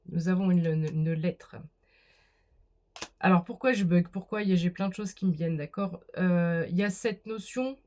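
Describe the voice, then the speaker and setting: A woman's voice: on the low side, darkish tone. Woman doing a casual card reading. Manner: addresses viewer directly, many fillers and restarts. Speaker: card reader. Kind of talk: casual spoken tarot reading.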